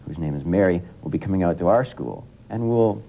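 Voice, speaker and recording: Deep-voiced teen guest, old broadcast sound. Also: male voice, a little fast, creaky. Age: teens. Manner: relaxed, rambling with many fillers. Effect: old 1980s TV broadcast sound. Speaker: student guest. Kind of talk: casual broadcast interview. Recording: dull lo-fi 1980s TV broadcast with faint rumble.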